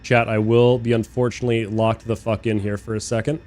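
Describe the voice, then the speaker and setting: A young man live-streaming a flight sim, chatting casually and rambling, swearing freely, talking to his chat and bursting into loud incredulous rants. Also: lowish voice, little pitch movement, fairly quick. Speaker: game streamer. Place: living in Australia.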